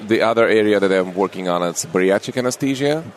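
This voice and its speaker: A middle-aged man from Russia, speaking in a friendly, unhurried way as an anesthesiologist guest on an interview show. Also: on the low side, slight background noise. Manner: unhurried, friendly, with small grammar slips. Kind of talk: casual interview conversation.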